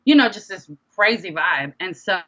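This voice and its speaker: In a muffled recording, a woman with a mid-range voice talks at normal speed. She's a rapper and singer being interviewed, spinning casual stories by performing snippets of dialogue with lively energy.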